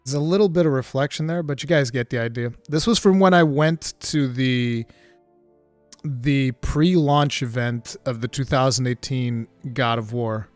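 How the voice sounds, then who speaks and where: A Portuguese man who sounds American in English streams casually, reading viewer questions at normal speed in a medium-pitched voice. He is excitable, laughs often and says "dude" a lot. There's no room sound, just soft background music.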